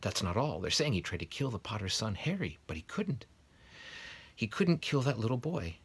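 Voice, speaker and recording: A man plays a stern older witch from a storybook, prim and anxious. Her voice is raised and very breathy, with sharp, insistent phrasing that moves widely in pitch. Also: big pitch swings, normal speed. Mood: distressed.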